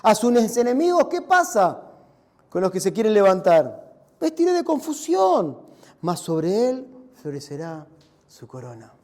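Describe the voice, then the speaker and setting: A man with a Rioplatense Spanish accent, preaching a sermon in a church, swinging between loud shouts and hushed, quiet lines. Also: sits high, wildly swooping pitch, unhurried. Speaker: pastor.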